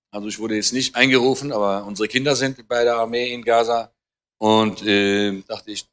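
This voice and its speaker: A German-born man in his fifties, speaking at medium pitch with a fairly bright tone, appears as a guest speaker on Israel before a church audience. His talk is earnest and conversational, quoting scripture and mixing in light humour, though he often hesitates and corrects himself.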